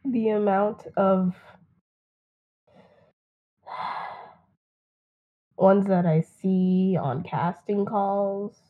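A young woman with a breathy, husky voice throwing in quick quips during a group call. The audio is narrow and tinny, like a phone. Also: medium pitch. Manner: quick, quippy interjections. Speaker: voice actor. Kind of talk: casual group chat.

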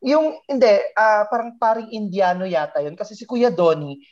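A woman's voice: medium pitch, expressive, moderate pace, darkish tone. A young woman casually telling an emotional personal story, laughing often as she shares it with a friend. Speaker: guest sharing a testimony. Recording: dull lo-fi recording.

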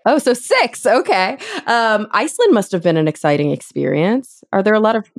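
A woman's voice: mid-range voice, big pitch swings, moderate pace, no room sound, studio quality. A woman in her thirties hosting a podcast, chatting in an upbeat way and laughing easily. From Texas. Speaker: podcast host. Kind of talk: casual interview chat.

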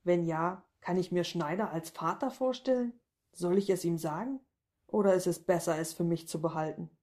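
Mellow-voiced woman reading a story. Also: fairly low pitch, moderate pace. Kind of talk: first-person short story reading.

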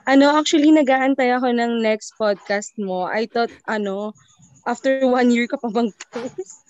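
A woman's voice: fairly high pitch, measured pace, darkish tone, no echo, lo-fi sound. A woman in her twenties, a podcast guest, chatting casually and switching freely between English and Tagalog. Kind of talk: casual chat.

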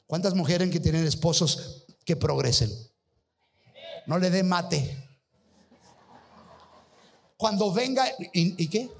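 Man, pastor, Rioplatense accent, sermon, high-pitched, emphatic, call-and-response, bursts of shouting. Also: gravelly. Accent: Rioplatense Spanish. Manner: shouts some phrases, dramatic pauses.

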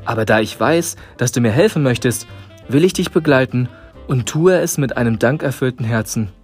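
A man voicing a fearful, repentant old miser who pleads in high, rising cries. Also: moderate pace, husky, faint music behind, lightly acted. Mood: fearful pleading.

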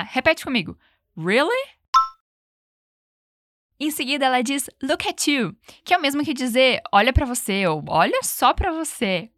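A woman teaching English in a bilingual lesson, giving clear encouraging repeat-after-me drills and slowing down to model pronunciation. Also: sits high, a bit bright, no echo, clean studio sound.

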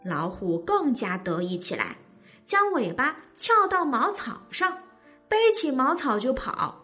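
A woman narrating a children's story, her voice rising and falling with a lot of expression. She reads slowly and clearly in a fairly high voice, with soft music playing behind her. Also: very animated.

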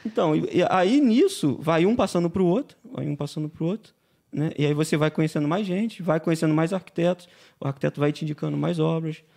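A man's voice: on the high side, fast, creaky, mellow. A man with a Brazilian accent, a painting business owner who is a podcast guest, talks casually as a chatty storyteller who keeps tagging his sentences with "né?". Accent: Brazilian Portuguese. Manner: chatty storyteller, constantly adding "né?".

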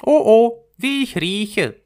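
A man voicing a vain lily flower that admires itself, in a high preening tone. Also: animated, slow, a little mellow, smooth.

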